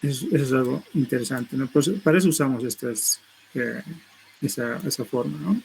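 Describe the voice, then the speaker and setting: A man's voice: mid-range voice, moderate pace, creaky, darkish tone, slight background noise, poor audio. A middle-aged man teaching a university seminar, explaining step by step and tagging his phrases with a questioning "no?". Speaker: linguistics lecturer.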